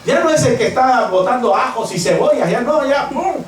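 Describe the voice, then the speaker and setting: A Peruvian pastor preaching with passion, his voice sitting fairly high for a man. He is recorded from a distance in a church hall, so his words ring with a strong echo. A faint hum of the room stays underneath him. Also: animated, moderate pace, a crowd in the background. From Peru. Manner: impassioned preaching, acting out quoted voices. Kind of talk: sermon. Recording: echoey church from far off.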